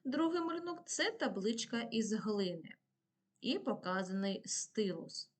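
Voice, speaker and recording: A woman's voice: mid-range voice, big pitch swings, a little slow. A woman teacher giving a patient video lesson to primary pupils, asking questions and answering them herself.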